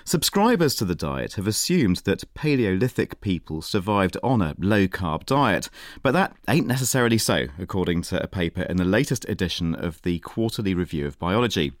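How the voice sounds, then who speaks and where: Lively male science presenter. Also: low voice, normal speed, no echo, studio quality. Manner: lively, wry presenter delivery. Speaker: science podcast host. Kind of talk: scripted radio presenting.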